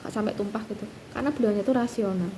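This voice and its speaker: A woman's voice: racing, a little hiss or hum, rough recording. Chatty woman telling a story. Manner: lively, acts out quoted voices at a higher pitch; chatty, with many fillers and restarts. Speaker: vlogger and doctoral student. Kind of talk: casual storytelling.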